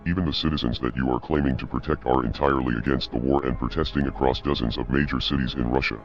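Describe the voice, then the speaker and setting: Disguised pitched-down deep male voice. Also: fairly even intonation. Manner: cold, measured and ominous. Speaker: anonymous activist spokesperson. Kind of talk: scripted statement. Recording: dull lo-fi audio, music behind.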